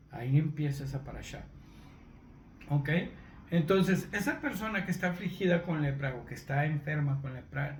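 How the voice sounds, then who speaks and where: A man teaching from the Bible, unhurried, often checking in with his listeners and spelling words out letter by letter. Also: medium pitch, a little mellow. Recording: roomy echo, faint background noise.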